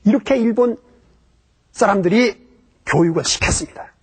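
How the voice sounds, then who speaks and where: A man with a high, slightly rough voice delivers a history lecture about Japan at a moderate pace. He explains things step by step, raising rhetorical questions and answering them himself.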